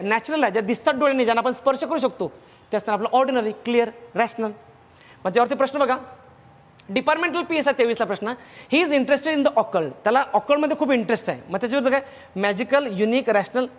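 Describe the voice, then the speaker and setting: A man's voice: very high voice, long reverb tail. A man with a Marathi accent teaching vocabulary in a lecture, who repeats words in lists and asks himself questions.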